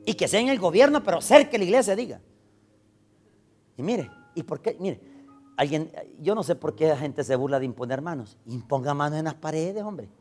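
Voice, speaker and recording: Salvadoran pastor preaching with animated storytelling. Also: male voice, a little high, normal speed, faint music behind. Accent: Salvadoran Spanish. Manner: storytelling, acting out dialogue, frequent "hermano" and "¿va?". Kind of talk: sermon.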